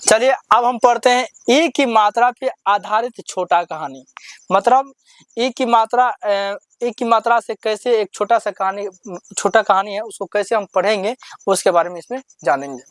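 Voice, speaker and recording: In a Hindi reading lesson, a medium-pitched teacher slowly drills word lists and explains each sentence in plain, everyday language. The recording is dry and rough.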